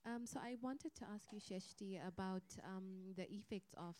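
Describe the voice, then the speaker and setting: A woman interviewer asking questions in a gentle, encouraging way. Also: medium pitch, normal speed.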